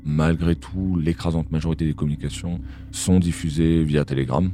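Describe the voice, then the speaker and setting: A man's voice run through a voice changer, dropped to an extremely deep, unnatural pitch. He talks as an analyst guest in an interview, calm and explanatory, pausing often on fillers as he thinks. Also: faint music behind. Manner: measured explanatory talk with frequent hesitations. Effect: voice changer, disguised voice. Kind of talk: podcast interview.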